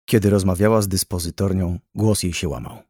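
Male audiobook narrator, very deep voice, dry studio sound, steady and grave. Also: a little fast, breathy edge, dry recording. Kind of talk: scripted narration.

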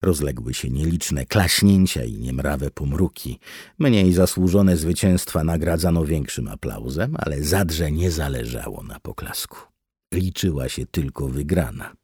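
A man giving expressive, scripted audiobook narration. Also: extremely low pitch, unhurried, husky, dry recording, clean studio sound. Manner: expressive storytelling with wide swings.

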